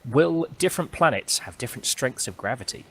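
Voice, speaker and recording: A man co-hosting a live stream, relaying viewer questions in a brisk, plain way. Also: mid-range voice, animated, a bit bright. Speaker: co-host reading viewer questions.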